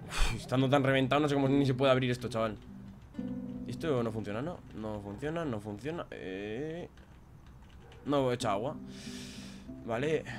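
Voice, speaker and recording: A young man from talks through his gameplay, mostly under his breath as he thinks aloud. He breaks into sudden excited shouts, and his voice sits at an ordinary middle pitch. Game music with plucked guitar plays clearly behind him. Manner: chatty, muttering to himself, bursts of excited yelling. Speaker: gameplay youtuber. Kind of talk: let's play commentary.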